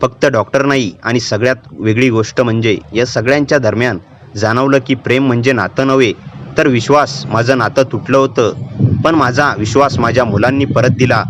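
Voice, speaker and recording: A man reading a first-person horror story in a steady storytelling manner. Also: medium pitch, noisy background. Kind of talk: scripted horror story narration.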